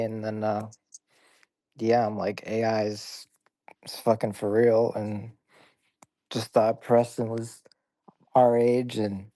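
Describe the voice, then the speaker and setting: A man's voice: medium pitch, warm tone, no room sound. A man in his twenties from Ohio, calling into an online group chat and talking in an easygoing, rambling way. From Ohio, USA. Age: 20s. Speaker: caller, sales worker.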